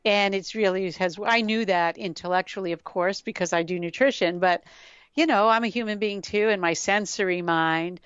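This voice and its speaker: A woman's voice: medium pitch, moderate pace, fairly bright tone, clean tone, no room sound. A middle-aged woman talking as a podcast guest, reflective and explanatory, laughing easily. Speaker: yoga scientist guest. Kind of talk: conversational podcast interview. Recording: dull lo-fi dry sound.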